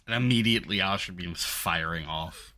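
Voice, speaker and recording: A man's voice: low voice, moderate pace, pushed and bright. A man playing in a tabletop game who jokes around and breaks into exasperated outbursts. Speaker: player. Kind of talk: tabletop role-play chat.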